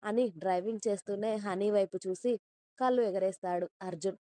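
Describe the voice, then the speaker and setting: Woman storyteller, warm mellow tone, smooth clear voice, dry close recording. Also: medium pitch, brisk, dry recording. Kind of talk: audio story narration.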